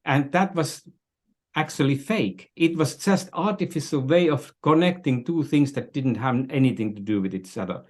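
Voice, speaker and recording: Speaking haltingly with a Finnish accent, the older business strategist hunts for words and repeats himself while explaining and sharing anecdotes in a conversational interview. His medium-pitched voice is expressive and a little mellow.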